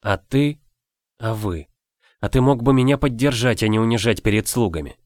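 A man voicing a stubborn, indignant young noble wife in an audiobook, speaking high and insistently. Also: normal speed, darkish tone, dry recording, clean studio sound, close to an everyday voice. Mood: hurt.

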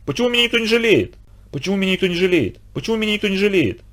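A man voicing a conceited, self-pitying male bandit who flatters and boasts in a raised, wheedling voice. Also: fairly high pitch, quick pace. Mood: whimpering. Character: whiny, fawning, conceited adult male bandit.

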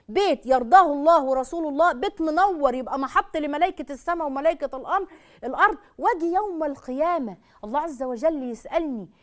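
A woman with an Egyptian Arabic accent giving a religious talk on marriage, asking rhetorical questions and speaking straight to her listeners. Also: high voice. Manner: animated, rhetorical questions, addresses audience directly. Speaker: Islamic lecturer.

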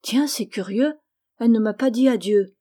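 A woman voicing a trusting, cheerful little girl of about five in an audiobook, in a high, lively childlike voice. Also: moderate pace, lightly acted. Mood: chatty. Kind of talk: audiobook reading.

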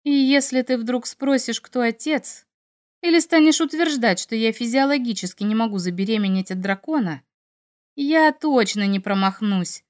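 A woman's voice: on the high side, normal speed, lightly acted. A woman voicing a hot-tempered young empress with lightning powers in a first-person audiobook, raising her voice with indignation. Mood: worried. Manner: fiery, indignant. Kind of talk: audiobook character reading.

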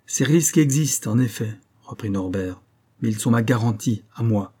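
A man's voice: medium pitch, normal speed, warm tone, close to an everyday voice. A man reading as a cold, brooding nobleman. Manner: cold, clipped and controlled.

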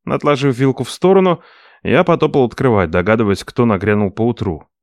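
A man reading first-person scripted narration in a dry, wry, expressive way. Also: medium pitch, brisk, no room sound. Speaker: audiobook narrator.

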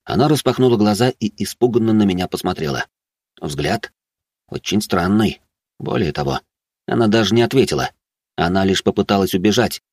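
A man narrating a first-person fantasy audiobook in a low-key, wry way. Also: lively intonation, fairly quick, darkish tone, dry recording, studio quality.

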